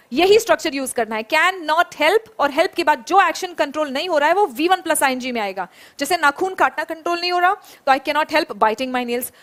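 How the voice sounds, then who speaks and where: A woman teaching an online spoken English class, saying example sentences slowly and praising her students by name. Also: high-pitched, fairly bright tone.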